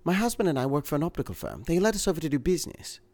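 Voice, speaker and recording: A man's voice: a little high, very animated, rapid-fire, a little mellow, voice pushed up. A man reading aloud voices an anxious, insistent woman in a spy thriller, with an urgent, pleading manner.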